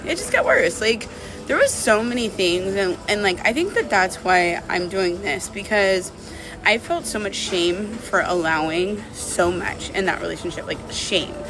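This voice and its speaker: This vlogger recounts her own breakup to camera, candid and rambling, leaning heavily on "like" and "you know." Her mid-range voice is animated but a little slow, and the audio is poor, with music underneath.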